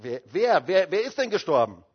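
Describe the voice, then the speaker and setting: A preacher voicing a hot-tempered, blustering husband. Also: male voice, fairly high pitch, very animated, brisk, highs cut off. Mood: demanding. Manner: insistent, repeated demanding questions.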